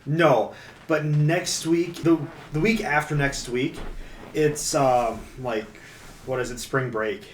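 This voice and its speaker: A young man co-hosting a casual gaming podcast, low-key and matter-of-fact. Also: fairly even intonation, slow, slight background noise. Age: young adult. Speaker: podcast co-host. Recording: distant mic in an echoey room with faint ambience.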